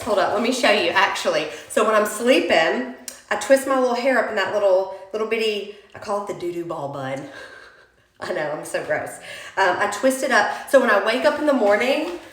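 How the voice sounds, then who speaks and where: A young woman with a cold sniffles her way through a casual hair-care tutorial, chatting to her viewers as y'all. This beauty vlogger sounds animated and a bit bright, medium in pitch and moderate in pace, captured in a roomy, echoey home setting.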